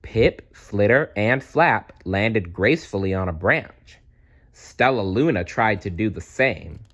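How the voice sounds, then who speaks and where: A man reading a children's storybook aloud as narrator, in a dramatic, deliberate way. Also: lowish voice, expressive, a bit bright. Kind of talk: expressive children's read-aloud.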